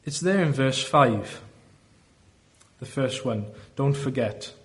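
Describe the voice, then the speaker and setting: A man with a Welsh Valleys accent preaching a sermon in an earnest, deliberate way, often posing rhetorical questions. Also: medium pitch, lively intonation, fairly bright tone. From South Wales valleys.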